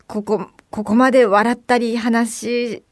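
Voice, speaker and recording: A middle-aged woman hosting a radio show, telling a story in a chatty, animated way and acting out the voices of the people in it. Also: fairly high pitch, slow, dry recording, clean studio sound. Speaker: radio host. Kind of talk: casual solo radio monologue.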